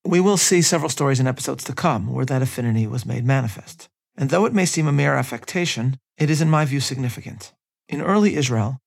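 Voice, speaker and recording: A man reads a scripted history narration in a gravelly, creaky voice at a mid pitch. He moves at a measured pace and breaks in now and then with his own view. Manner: measured reading with personal asides. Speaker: history podcast host.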